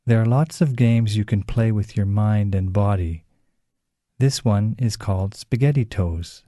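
A man gently leading children through a slow, soothing guided relaxation exercise. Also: on the low side, no room sound, clean studio sound.

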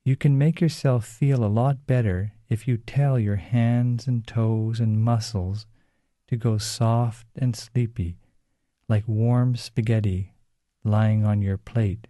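A man gently leading children through a slow, soothing guided relaxation exercise. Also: on the low side, steady tone, no echo, studio quality.

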